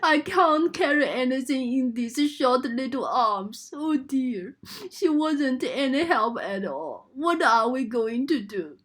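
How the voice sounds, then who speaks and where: A squeaky, tearful mother kangaroo. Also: lively intonation, slow pace, a bit bright, full character voice. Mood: tearful pleading. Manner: squeaky, pleading, sobbing. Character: tearful anxious mother kangaroo, female adult.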